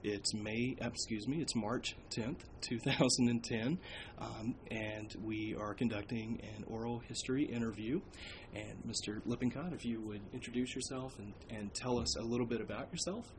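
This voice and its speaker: A man acts as interviewer, opening an oral history session. His voice sits at an average pitch, and clear noise runs behind it. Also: normal speed. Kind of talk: interview introduction.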